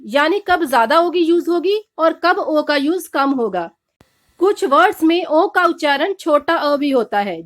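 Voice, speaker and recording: Slow, high-voiced woman teaching pronunciation. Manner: slow, deliberate spelling and example words. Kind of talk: slow instructional explanation.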